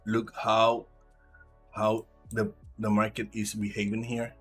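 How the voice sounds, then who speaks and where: Puerto rican accented man, lowish voice, halting live trading commentary, faint music under it. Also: completely flat delivery. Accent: Puerto Rican Spanish. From Puerto Rico. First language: Spanish. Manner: halting, restarts often, reads the chart aloud. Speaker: live trader.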